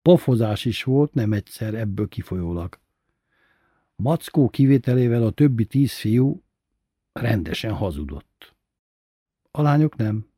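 A man reading a first-person story aloud in a plain, even storytelling manner. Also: on the low side, long pauses, husky, dry recording, studio quality. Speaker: narrator.

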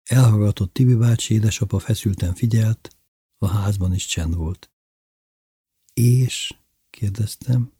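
A man narrating a story in a steady, measured audiobook reading. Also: fairly low pitch, slightly rough, no echo, studio quality.

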